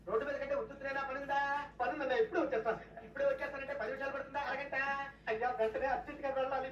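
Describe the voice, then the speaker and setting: Woman skit performer, high voice, roomy lo-fi, off-mic. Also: far from the mic. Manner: theatrical, shifting characters. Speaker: comedy sketch performer. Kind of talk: acted comedy skits. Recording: roomy, off-mic, dull lo-fi sound.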